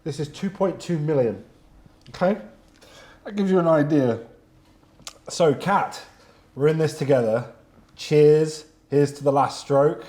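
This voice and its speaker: A man's voice: on the high side, measured pace, long pauses, mellow. A man hosting a casual interview during a hot wing challenge, chatty and laughing as he reacts to the heat. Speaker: host.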